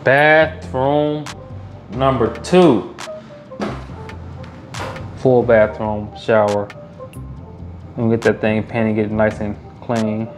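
A realtor and house flipper with a fairly low, steady voice leads a casual, upbeat walkthrough of bare indoor rooms for a house tour vlog. He draws out his words, pauses often, and repeats his catchphrases over faint background music.

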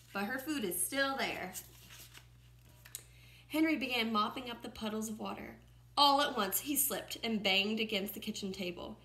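A first-grade teacher in her twenties reads a picture book aloud to young children, expressively, stopping to comment and ask questions. Her voice is a little high and sharp in tone. She sits by a window in a small room at home, and the recording sounds roomy and echoing.

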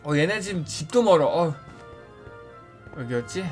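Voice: medium pitch, lively intonation, measured pace, close to an everyday voice. An actor playing a timid, gullible bullied schoolkid in a Minecraft skit, stammering and thinking aloud. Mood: grumbling. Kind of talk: acted Minecraft skit dialogue. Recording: music behind the voice.

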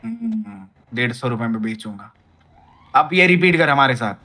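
A man's voice: medium pitch, very animated, normal speed, pushed and bright. A man in a roleplay scene, playing a street thug who orders people around and mocks them. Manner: bossy, mocking, bullying. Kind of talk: casual roleplay banter.

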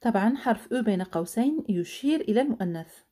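A woman teaching French phrases and explaining them, saying each example slowly and with care. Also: on the high side, lively intonation, mellow. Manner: switches between explanations and slow, carefully spoken example phrases. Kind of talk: language lesson.

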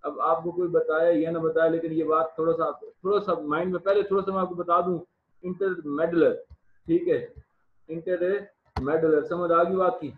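A man's voice: a little high, flat delivery, unhurried. A man teaching an online law class, repeating himself, with his voice breaking up over a bad connection. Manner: repeats himself, addresses students as child. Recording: tinny echoey video call with faint noise.

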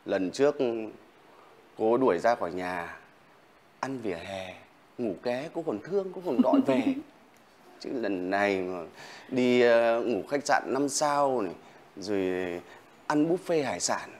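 An actor playing a scheming uncle, who talks in a boastful, teasing way. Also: male voice, lowish voice, animated, a little slow, a little mellow. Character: scheming, self-satisfied uncle. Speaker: uncle in a TV drama.

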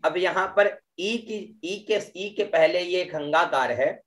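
Slow-chanting Vedic teacher, a man. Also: high-pitched. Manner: explains syllables slowly, then chants them drawn out; tags sentences with "है ना" and "ठीक है". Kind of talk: online class teaching mantra recitation.

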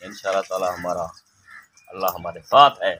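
This Pakistani-accented man has a deep voice and a steady tone, talking at a moderate pace. His casual, opinionated chat is emphatic, and he keeps repeating phrases to press his view. The phone recording was made outside in a village yard, with background noise plainly heard.

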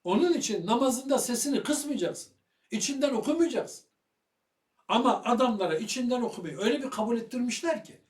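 A man giving heated video commentary on religious matters, loud and fiery, firing rhetorical questions at his listener. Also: very high voice, lively intonation, a little fast, reverberant, recorded from a distance.

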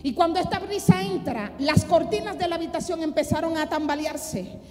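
A woman pastor preaching a sermon, telling a personal testimony with dramatic, impassioned delivery that builds to loud exhortation. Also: very high voice, normal speed. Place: church congress hall. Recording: reverberant hall with music underneath.

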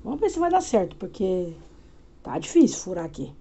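A woman in her forties from Minas Gerais, Brazil, speaks Brazilian Portuguese with a Minas accent, her mid-range voice sing-song, a little fast, mellow and slightly rough. She's a vlogger chatting loosely to viewers in a casual home vlog, lying in bed with her phone camera held close.

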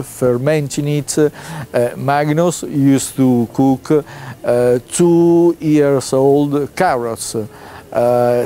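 A middle-aged man, interviewed on a terrace about cuisine. He speaks slowly, with a dark, mellow tone. Fillers break up his thoughtful explanations. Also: medium pitch. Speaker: food commentator. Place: outdoor hotel terrace.

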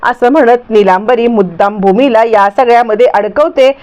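High-voiced woman recapping a serial. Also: moderate pace, a little mellow. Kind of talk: storytelling recap narration. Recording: dull lo-fi recording.

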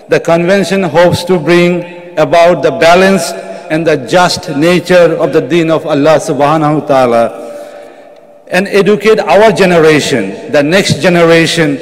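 A man's voice: on the high side, long reverb tail. Middle-aged man reading a formal welcome. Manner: reads a prepared address at a podium. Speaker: convention welcome speaker. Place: large convention hall, on stage. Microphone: podium microphone.

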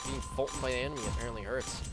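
A man giving casual running commentary while he plays a game, excitable, with yelling bursts between muttered remarks. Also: mid-range voice, racing, over loud music. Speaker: gameplay commentator. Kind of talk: casual live gameplay commentary.

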